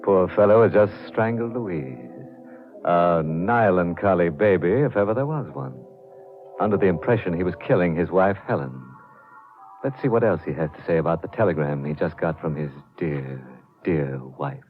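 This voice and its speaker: Sardonic, deep old-radio announcer. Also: male voice, animated, moderate pace. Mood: mocking relish. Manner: mocking, drily gloating. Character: sardonic, ghoulish male host of a mystery tale. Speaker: host. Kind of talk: 1940s radio announcer, macabre narration. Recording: muffled old radio recording with music.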